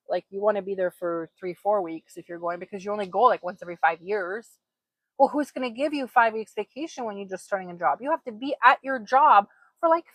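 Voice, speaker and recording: On her casual motivational livestream, a Polish woman in her forties speaks earnestly and chattily to her audience, addressing them directly. Her mid-range voice has a fairly bright tone, and her own microphone captures it without echo.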